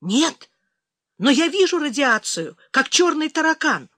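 A woman narrator voicing a panicky, cowardly drunk male officer in a shrill, whining voice. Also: big pitch swings, measured pace, dry recording, heavily acted. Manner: shrill, whining, higher and louder than narration.

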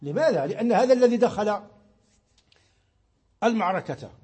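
Husky high-voiced Moroccan sheikh teaching. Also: male voice, animated, normal speed, a little mellow. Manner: explanatory, repeats words while searching for them. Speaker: sheikh teaching Islamic law. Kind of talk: religious lesson.

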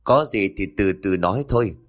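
A level-headed young man in a spoken ghost story, voiced by a male narrator, firmly urging his friend to stop and think. The voice sits low with an expressive pitch. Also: normal speed, lightly acted. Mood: steady. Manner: urging calm, commanding.

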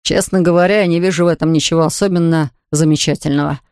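A woman's voice: deep voice, fairly even intonation, quick pace, a little mellow, no room sound, clean studio sound, close to an everyday voice. A woman reading aloud, voicing a reserved young man who answers tersely and grudgingly. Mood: sullen.

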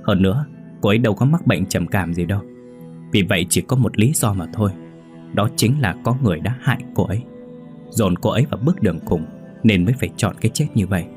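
A man's voice: fairly low pitch, animated, fast, a little mellow, faint music behind, natural voice. A man doing a resolute young man. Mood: urgent. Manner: urgent, resolute. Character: determined young man seeking truth.

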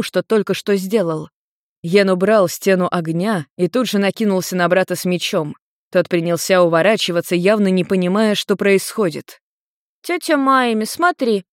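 An audiobook narrator reading a fantasy story in an even, measured way. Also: mid-range voice, no room sound, studio quality. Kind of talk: scripted narration.

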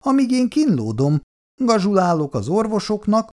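A woman's voice: big pitch swings, mellow, close to an everyday voice. A reader voicing an irritable young wife and mother who complains shrilly and reproachfully in a dramatized reading of a 1960s family story. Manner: shrill, reproachful, hysterical outbursts.

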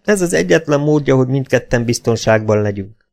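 Man doing a tense son's voice, firm and insistent, slight gravel, audiobook. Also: medium pitch, lively intonation, darkish tone. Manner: firm, insistent, sometimes pleading. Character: tense grown son, quietly controlling his mother. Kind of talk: audiobook character voice.

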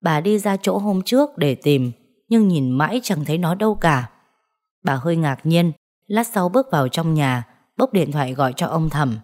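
A woman narrating a ghost story in a steady storytelling manner. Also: sits low, moderate pace. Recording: faint background music.

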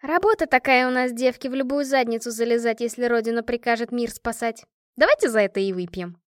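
A crude, rowdy woman colonel with a high, shouting voice and red hair, put on by a female audiobook reader. she curses her friends affectionately. the sound is dry and close, with no room around it. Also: brisk, no echo, close to an everyday voice. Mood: gruff teasing. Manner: loud, rough, swearing. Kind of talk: audiobook character reading.

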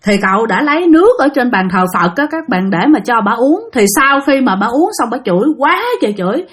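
Chatty high-voiced woman. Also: very animated, brisk. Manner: chatty, addresses listeners directly. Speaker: storyteller. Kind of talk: casual spoken ghost story.

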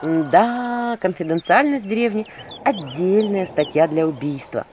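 A woman's voice: fairly low pitch, big pitch swings, normal speed, a little hiss or hum. A woman narrating an audiobook in the first person, with a wry, ironic storytelling manner.

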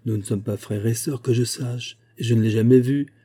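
A restless young man worn down by the frozen north, played by a man in an agitated, pleading way. The tone is dark and husky. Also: mid-range voice, fairly even intonation, normal speed, natural voice. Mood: protesting. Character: young despairing man of twenty-six, restless.

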